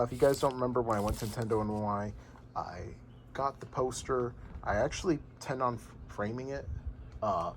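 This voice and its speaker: A young man talks in a low voice, rambling from one thought to the next and stopping often to restart. A faint hiss sits under the recording, made at home. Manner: rambling with many fillers and restarts. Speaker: gaming vlogger. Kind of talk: casual unboxing and game progress vlog. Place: bedroom at home.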